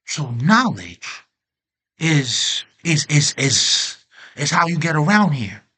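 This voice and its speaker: On a self-help channel, a male host delivers a casual spiritual monologue, rambling in a streetwise way full of slang and fillers, laughing often and openly emotional. His voice sits on the high side with big pitch swings, slow, pushed and bright with a breathy edge.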